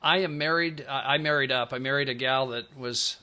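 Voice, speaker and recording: A man's voice: mid-range voice, brisk, sharp tone. A man hosting a live online presentation on a video call, chatty and enthusiastic, rambling with fillers. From Pacific Northwest United States. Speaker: webinar host.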